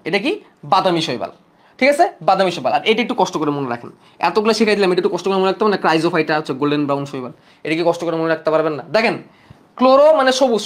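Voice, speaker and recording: A young man from Bangladesh teaching biology for exam coaching, drilling students by asking and answering his own questions. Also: sits high. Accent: Bangladeshi Bengali. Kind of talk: fast-paced exam coaching lecture.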